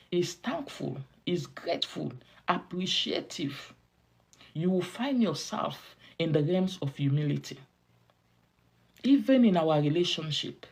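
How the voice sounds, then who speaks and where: Slow, husky woman preaching emphatically. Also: mid-range voice, darkish tone. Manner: emphatic, repeats key phrases for stress; preaching cadence with drawn-out stressed words. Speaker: women's ministry teacher. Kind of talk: sermon-style teaching.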